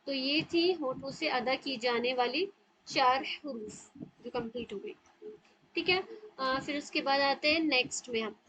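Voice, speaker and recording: A woman's voice: high voice, a little slow, sharp tone, rough recording. A woman teaching an online Quran recitation class, explaining step by step and often checking in with her students.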